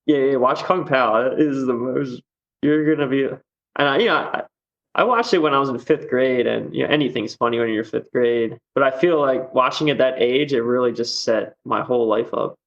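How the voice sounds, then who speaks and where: Gravelly man, rambling, lo-fi. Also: mid-range voice, normal speed. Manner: rambling, laughs often, many fillers. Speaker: guest musician. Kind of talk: casual chat.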